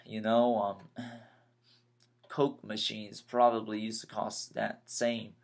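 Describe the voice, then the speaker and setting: A nineteen-year-old man talking in a rambling personal vlog, halting and repeating himself as he vents his frustrations. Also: on the low side, monotone, creaky. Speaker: vlogger.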